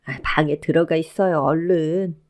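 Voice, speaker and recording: A kind, meek sister-in-law, played by a woman in a radio play. She talks quietly and soothingly. She never raises her voice. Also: low voice, fairly even intonation, normal speed, lightly acted. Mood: gentle.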